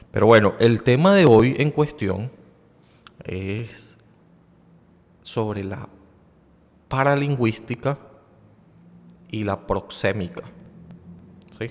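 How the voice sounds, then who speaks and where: Slow, halting man in a reverberant room. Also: fairly low pitch, darkish tone. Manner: halting, with many fillers and repeated words. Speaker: podcast host. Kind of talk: unscripted educational monologue. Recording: long hall reverb.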